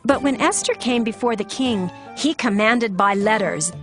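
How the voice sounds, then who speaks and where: A woman's voice: fairly high pitch, normal speed. A woman narrating a dramatized scripture reading in a formal, solemn storytelling manner. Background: background music.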